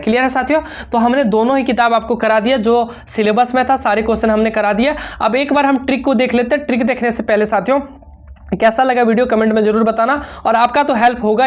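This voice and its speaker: A woman with a somewhat high voice runs an exam revision lesson, reading out one question after another and answering it straight away. She keeps calling out to her students and leans on repetition and playful tricks to make the answers stick. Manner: rapid question-and-answer drilling, constantly addressing students. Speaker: exam coaching teacher.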